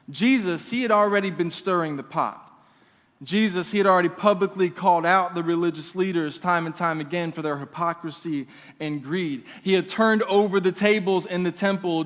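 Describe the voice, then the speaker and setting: A man preaching a sermon as pastor, telling the story dramatically, dropping low and slowing for the tense moments. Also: a bit bright. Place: church sanctuary. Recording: long hall reverb.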